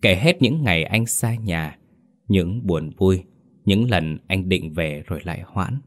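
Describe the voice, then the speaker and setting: A man narrating a story slowly and gently, in a somber tone. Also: sits low, lively intonation. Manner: slow, gentle, somber reading.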